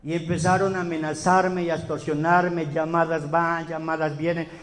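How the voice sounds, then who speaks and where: A man with a Colombian accent, a pastor telling his story in a sermon, swinging between loud outbursts and hushed passages. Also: fairly high pitch, little pitch movement, normal speed, in a large hall. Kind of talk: sermon testimony.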